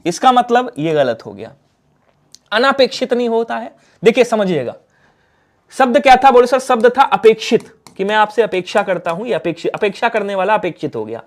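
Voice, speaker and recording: A man's voice: high voice, very animated, a little fast. A man with a Hindi accent teaching a live online exam-prep class, coaxing the viewers and asking questions that he then answers himself.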